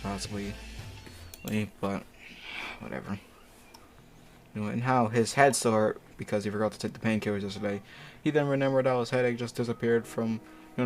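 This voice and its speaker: With music behind him, a man with a medium, somewhat bright voice reads amateur fiction casually. Every so often he stops to react in slangy, profane, disbelieving commentary.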